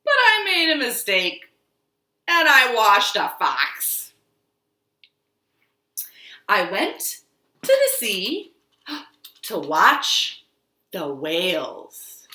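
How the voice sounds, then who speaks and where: In an echoey living room, a woman who hosts library storytimes recites rhymes, sings action songs, and reads picture books for young children. Her medium-pitched voice is extremely slow, broken by long pauses, and her manner is sing-song and exaggerated.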